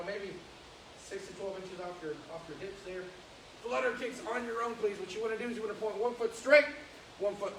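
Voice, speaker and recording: A man teaching a karate class, shouting counts and commands and cheering students on, in a training hall with mirrors. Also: high-pitched, background noise. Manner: loud barked commands and upbeat encouragement. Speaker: karate instructor. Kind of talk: live coaching of a class.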